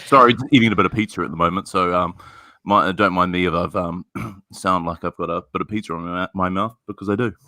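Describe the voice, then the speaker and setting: A man with a very low voice and a forceful, bright tone co-hosts with wry banter. The sound is close and dry. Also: steady tone, a little fast, dry recording. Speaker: co-host. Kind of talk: casual political banter.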